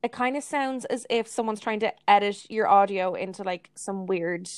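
A woman's voice: mid-range voice, fairly even intonation, moderate pace, smooth, no room sound, clean studio sound. A young Irish woman co-hosting a podcast in casual, conversational chat. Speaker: podcast co-host.

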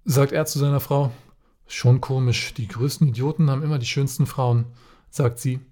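During a relaxed podcast conversation, the male co-host reads jokes out loud and often bursts out laughing while telling them. His mellow, mid-range voice keeps a fairly even intonation at a moderate pace.

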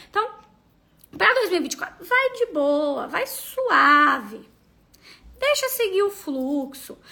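Brazilian woman giving love advice, high voice, teasing and emphatic, talks right at you. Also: pushed and bright. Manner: emphatic, teasing, addresses listener directly. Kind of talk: casual advice monologue.

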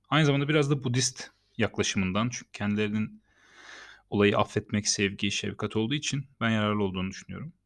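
A man hosting a solo podcast, talking in a calm, conversational way and telling stories, with fillers now and then. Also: mid-range voice. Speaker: podcast host. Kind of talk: reflective solo podcast talk.

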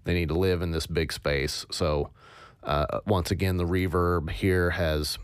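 Give me a low, monotone man explaining sound design. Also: unhurried, smooth, dry recording, clean studio sound. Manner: hesitant, many fillers, thinks aloud. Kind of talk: casual tutorial explanation.

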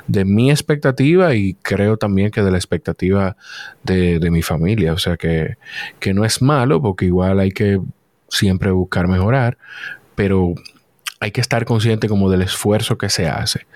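A man in his thirties, a guest in a casual chat, talking in a halting, emotional way and repeating himself. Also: low-pitched, a little mellow, dry recording, studio quality.

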